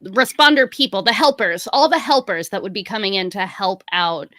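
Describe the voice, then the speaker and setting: A woman born in New York City and raised in the Tampa area co-hosts a casual baseball podcast. Her medium-pitched voice is bright and forceful at a normal speed, and she explains things with plenty of "you know" and "like."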